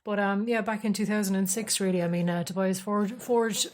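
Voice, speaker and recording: A woman's voice: medium pitch, steady tone, fairly quick. A woman with an Irish accent co-hosting a casual music discussion, explaining things in a chatty, sometimes sweary way. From Ireland. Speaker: podcast co-host.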